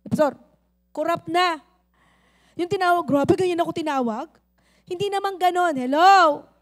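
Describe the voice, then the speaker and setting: A middle-aged woman pastor with a Filipino accent delivers a lively sermon, mixing in English, acting out little scenes and calling out to her crowd. Her voice is extremely high-pitched, and she speaks at normal speed.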